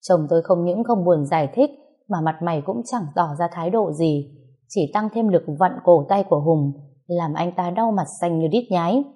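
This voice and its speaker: A woman telling a first-person story in a bitter, heated way. Her voice sits low and sounds mellow. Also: normal speed. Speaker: narrator. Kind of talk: storytelling narration.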